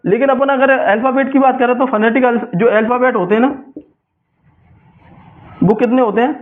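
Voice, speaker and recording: High-voiced man teaching, tinny audio. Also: fairly even intonation, a little fast. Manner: repetitive, asks and answers own questions; mixes English terms into Hindi. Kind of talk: exam-prep class lecture.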